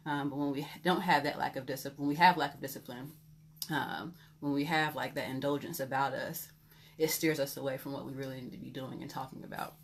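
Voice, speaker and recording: A young woman leads a Bible teaching in a loose, conversational manner, often pausing on fillers as she shares frank stories from her own life. Her voice sits notably low for a woman. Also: fairly even intonation, a little hiss or hum. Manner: conversational, filler-heavy, candid and self-revealing. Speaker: pastor teaching a Bible lesson. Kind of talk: informal teaching talk.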